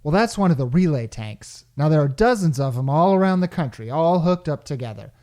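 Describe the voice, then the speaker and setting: For a hobby radio comedy, an actor plays a brash salesman, delivering wry, slangy patter like a worn-down working-class wisecracker. The delivery is very animated and swooping, in a natural, mid-range voice that moves fairly quickly.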